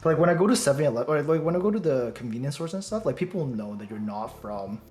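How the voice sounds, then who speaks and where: A man's voice: mid-range voice, expressive, fast, a little mellow. A man co-hosting a podcast, talking in a hesitant casual chat full of fillers. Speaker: podcast co-host.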